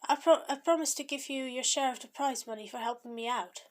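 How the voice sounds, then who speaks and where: A kindly older man, patient and explaining gently, as a woman reads his lines in a storybook reading. The voice stays close to her everyday tone. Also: sits high, brisk, close to an everyday voice. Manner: warm and explaining. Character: kind older man giving gifts.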